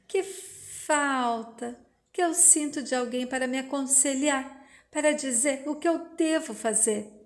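A tearful young widow calling out for someone she has lost, her voice pitched high and pleading, as a woman reads her lines. The delivery is emotional and sorrowful, from a soap episode recap. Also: measured pace.

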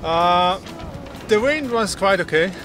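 Guy with slightly high voice, lots of uh, music behind. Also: expressive, slow. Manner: hesitant, filler uh, tag questions. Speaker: speed windsurfer, interviewee. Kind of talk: casual interview on a beach. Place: windy beach outdoors.

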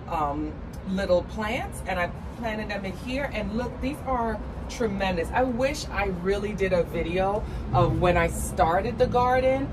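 A woman chatting casually to her viewers in a vlog about her patio garden and kitchen. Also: medium pitch. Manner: chatty, addresses viewers as guys. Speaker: cooking and gardening vlogger. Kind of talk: casual chat to camera. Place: outdoor high-rise patio, then home kitchen. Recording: echoey, mic at a distance, noisy.

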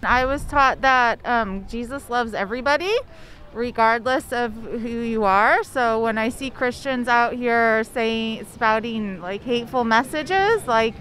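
A woman with a slightly high voice, sincere and soft as she answers outdoors, with street sounds around her. She keeps a gentle, even tone. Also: measured pace, poor audio. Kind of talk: street interview. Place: outdoors at a rally.

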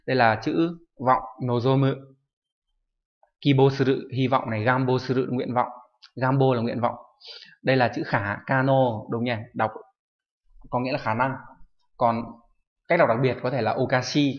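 A man's voice: mid-range voice, lo-fi sound. A man teaching a recorded online kanji lesson. He lists items steadily and checks in often with rhetorical questions. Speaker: Japanese teacher.

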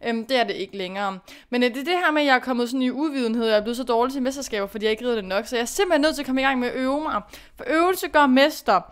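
A young woman who makes gaming videos on YouTube narrates her own gameplay in a chatty, self-directed way, using a high, smooth, clear voice. She urges herself to focus, scolds her own mistakes and praises her good moves.

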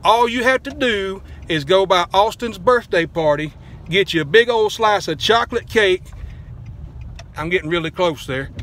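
In a parked car, a man with a high, fairly bright voice vlogs into a phone held close. His casual car vlog rambles along with jokes and self-deprecating humor.

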